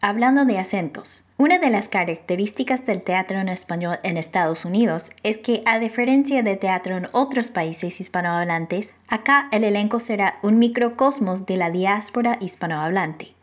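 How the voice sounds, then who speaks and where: A woman's voice: mid-range voice, normal speed, few pauses. Woman narrating a radio feature. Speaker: radio reporter.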